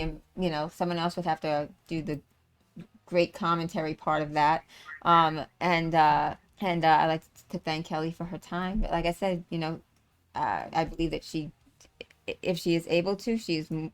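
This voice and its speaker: A woman with a New York accent hosting a pool stream, speaking haltingly with many restarts over a video call. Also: sits low, clear, resonant tone. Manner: halting, hesitant, full of restarts. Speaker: tournament host. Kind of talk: casual live commentary.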